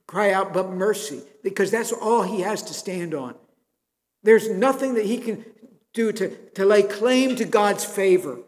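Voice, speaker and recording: A man's voice: sits high, big-room sound. A man preaching a sermon as pastor, earnest and building to emphatic pleas.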